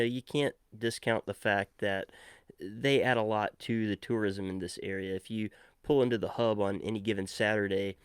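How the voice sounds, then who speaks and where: Man, podcast host, casual chat, lowish smooth voice, dry close sound. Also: dry recording. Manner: easygoing, chatty with fillers.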